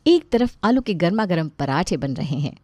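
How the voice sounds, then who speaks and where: A woman's voice: lowish voice, sing-song, normal speed, mellow, dry recording. Chatty woman narrating a funny story. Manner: chatty, joking asides to the listener.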